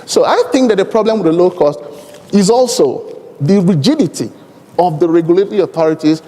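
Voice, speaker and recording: On a conference panel in a large hall, a man with a Nigerian accent whose native language is Igbo speaks deliberately and emphatically in elaborate, formal phrases. His voice is high, expressive and dark-toned, and the conference PA leaves a long hall reverb.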